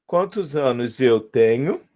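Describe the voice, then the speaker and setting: A man's voice: mid-range voice, lively intonation, slow pace, warm tone. A man with a Brazilian accent, teaching a math lesson, patiently repeating his points and checking in with the students. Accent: Brazilian Portuguese.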